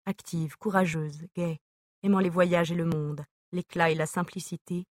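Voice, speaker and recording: Brief: woman audiobook reader, measured letter reading, lowish voice, dry close sound. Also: steady tone, dry recording. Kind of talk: reading an epistolary novel aloud.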